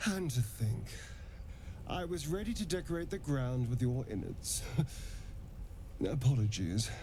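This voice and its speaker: A man voicing a charming vampire elf from a video game, who talks in a silky, mocking, theatrical way. His voice is dark and mellow, unhurried, and swings widely in pitch. Faint game music plays behind him. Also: lively intonation, a little hiss or hum, natural voice. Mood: sly.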